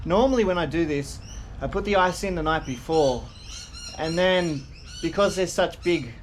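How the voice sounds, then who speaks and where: A man's voice: fairly high pitch, moderate pace, low-quality recording. A man talking casually to camera as a vlogger. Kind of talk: casual vlog talk to camera. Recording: clear background noise.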